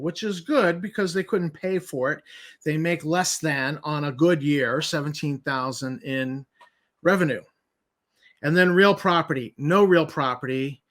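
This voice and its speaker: A man with a moderately high-pitched voice talks through a document in an informal commentary style. He stresses and repeats key points. His tone is skeptical and incredulous. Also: a bit bright. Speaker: commentator host.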